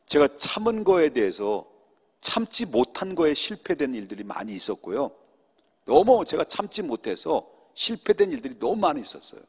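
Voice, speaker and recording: A middle-aged male pastor preaching at a Friday prayer meeting, telling a personal story in an animated way. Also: a little high, fairly quick, husky. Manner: animated storytelling, acts out quoted speech. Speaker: senior pastor. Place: church sanctuary. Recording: long reverb of a church hall.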